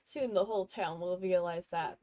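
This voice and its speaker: A woman reading the lines of a smug male corporate store manager with a boastful sales pitch. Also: normal speed, mellow, close to an everyday voice.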